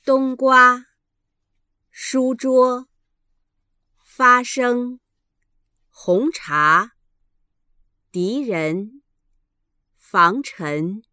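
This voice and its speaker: A woman reading textbook pronunciation drills, enunciating each word carefully with a pause between them. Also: fairly high pitch, pushed and bright, clean tone, dry recording, clean studio sound. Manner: carefully enunciated, each syllable held apart. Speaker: language teacher reading drills.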